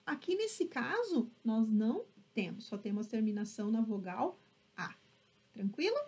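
A woman's voice: fairly high pitch, big pitch swings, a little slow, a little mellow, breathy edge. A Brazilian woman teaching an online class, upbeat, checking in with her students often. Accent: Brazilian Portuguese.

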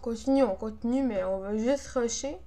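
A woman's voice: fairly high pitch, moderate pace, mellow. A young woman with a Quebec French accent doing casual gaming commentary, frustrated, grumbling and swearing as she plays. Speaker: gamer, video creator.

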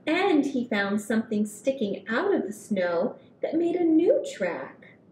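Reading to small children at story hour, a woman in her thirties draws out her phrasing with plenty of expression as she goes through a picture book. She's using a headset microphone at a table in a small room indoors, with echo and a low rumble in the background.

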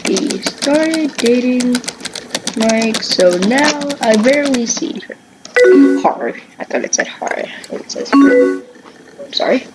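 Woman gamer host, fairly high voice, casual let's-play chatter over clear background music, reads chat aloud playfully. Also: lively intonation, takes it slowly, low-quality recording. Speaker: gaming channel host. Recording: music playing behind the voice.

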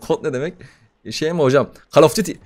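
A young man doing casual gaming commentary, excitable and profane, bantering with the game as he plays a horror title. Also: on the high side, fast. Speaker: gaming YouTuber.

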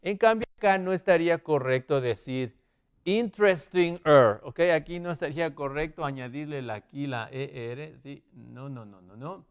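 A man teaching English speaks at a moderate pace and medium pitch, his tone clear and resonant. He often checks in with his students through "¿sí?" and "¿ok?", moving around as he writes on the board.

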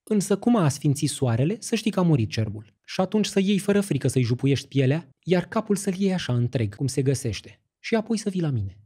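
Brief: a commanding old holy woman read by a man, dark husky tone, measured counsel, storybook. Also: fairly high pitch, very animated, voice pushed up. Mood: instructing.

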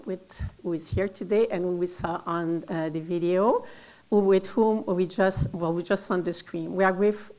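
A middle-aged woman with a French Canadian accent, a native French speaker, giving a formal welcome speech haltingly from notes at a podium. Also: on the low side, a little mellow, low-quality recording. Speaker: event speaker, associate dean of research. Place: auditorium at a podium. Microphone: podium microphone.

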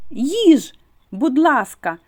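A woman kindergarten teacher chanting tongue-twister rhymes slowly and clearly in a children's speech lesson. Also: sits high, big pitch swings, darkish tone. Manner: slow, sing-song, clearly articulated.

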